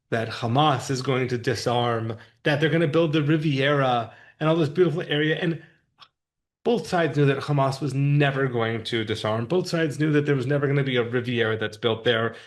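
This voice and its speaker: A man's voice: medium pitch, moderate pace. A man co-hosting a podcast, explaining politics in a casual, thoughtful, plain-spoken way. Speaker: podcast co-host. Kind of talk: casual discussion.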